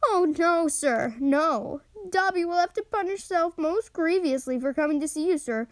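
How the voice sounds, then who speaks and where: A woman voicing a small, tearful, devoted male house elf with a high, squeaky voice and an earnest, servile manner. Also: animated, moderate pace, dry recording. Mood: anguished. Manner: earnest, servile, always says sir. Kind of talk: audiobook character reading.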